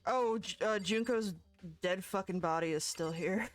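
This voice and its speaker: A woman's voice: medium pitch, measured pace, faint music behind. A woman streamer with a mid-range voice chats loosely while playing a game. She giggles often and drops casual swears as she rambles along. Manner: chatty, giggly, profane. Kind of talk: casual chat while gaming.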